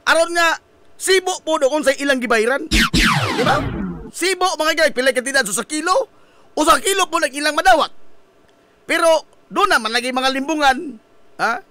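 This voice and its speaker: High, lively radio host. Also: male voice, dry recording. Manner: jokey, laughs often at his own quips; asks listeners rhetorical questions. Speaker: radio talk show host. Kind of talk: local radio commentary.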